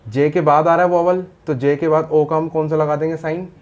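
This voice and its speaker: A man with a voice a bit above the usual pitch teaches shorthand outlines to his students. He goes through each word step by step and keeps stopping to check that they have understood. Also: flat delivery, a little fast, a little mellow, lo-fi sound. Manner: explains patiently, often asks "samajh aaya?". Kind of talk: step-by-step lesson.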